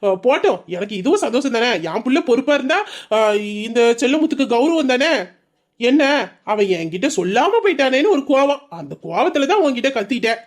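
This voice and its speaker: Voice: high-pitched, big pitch swings, a little fast. A performer voicing a stern, thrifty middle-aged father and shop owner who lectures and justifies himself to his wife. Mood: justifying. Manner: lecturing, self-justifying, persuasive. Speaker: father Sellamuthu. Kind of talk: audio drama acting.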